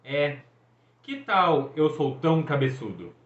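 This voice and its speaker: A man's voice: fairly high pitch, sing-song, slow pace. A man voicing a stern, weary young goddess huntress who speaks curtly. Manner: curt, exasperated. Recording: echoey, dull room recording.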